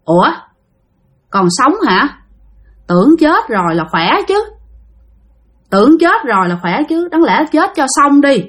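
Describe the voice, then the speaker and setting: A woman voicing an old male exorcist master who speaks in slow, unbothered pronouncements while telling a story. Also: high-pitched, sing-song, fairly bright tone, exaggerated voice. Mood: mocking.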